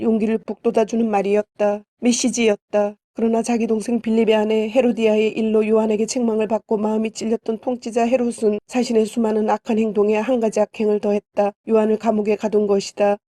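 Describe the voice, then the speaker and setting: A woman giving a steady, measured reading of scripture. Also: a little high, no room sound, studio quality. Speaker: Bible reader.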